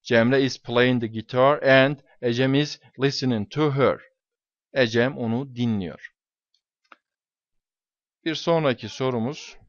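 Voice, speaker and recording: An emphatic man teaches a class and walks through exam questions, hammering home key words by repeating them. His voice sits at a middle pitch. It sounds dull and lo-fi in a dry space with no room echo. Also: slow, pauses often. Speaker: English teacher.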